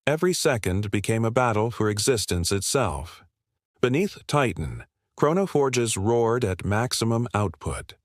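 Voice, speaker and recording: A man narrating a scripted sci-fi war story in a steady, dramatic way. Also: fairly low pitch, a little slow, dry recording, clean studio sound.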